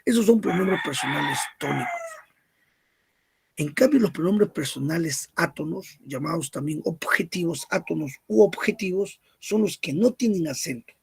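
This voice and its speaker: A man's voice: on the high side, expressive, normal speed, gravelly, breathy edge. A man teaching a grammar lesson, who asks questions, answers them himself and repeats word lists.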